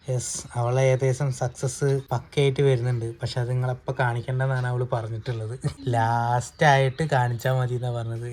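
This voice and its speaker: A man's voice: mid-range voice, warm tone. A man narrating a casual family vlog at home, chatty and teasing, talking straight to his viewers. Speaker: family vlogger.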